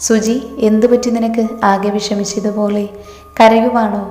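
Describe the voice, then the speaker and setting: A man's voice: high voice, flat delivery, unhurried, darkish tone. A woman doing a teasing older uncle. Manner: teasing, fatherly. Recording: echoey room with long reverb.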